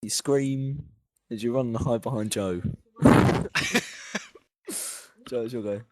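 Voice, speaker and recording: A man from Britain narrating as game master of a tabletop game, often laughing and halting with ums. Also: medium pitch, darkish tone, no room sound.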